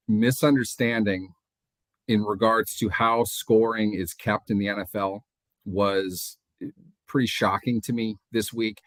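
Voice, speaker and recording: Assertive low-voiced man ranting. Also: no room sound. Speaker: podcast co-host. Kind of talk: casual sports podcast chat. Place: home room.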